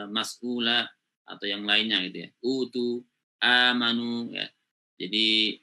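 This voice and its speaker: A man's voice: on the low side, sharp tone. A man teaching Quran recitation rules in an online class, explaining step by step with frequent "ya" and "gitu ya" checks.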